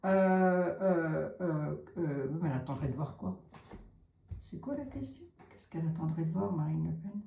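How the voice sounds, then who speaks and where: A woman's voice: low-pitched, normal speed, vocal fry, few pauses, warm tone, roomy sound. A middle-aged woman giving a casual tarot reading, chatty and frank, with mocking asides. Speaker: tarot reader.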